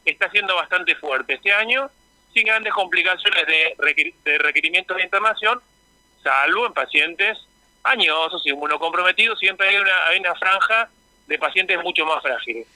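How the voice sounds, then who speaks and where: A man's voice: high voice, normal speed, sharp tone, dry recording, low-quality recording. A man with an Argentine Spanish accent, a health official explaining things in a radio interview. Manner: explanatory, informative.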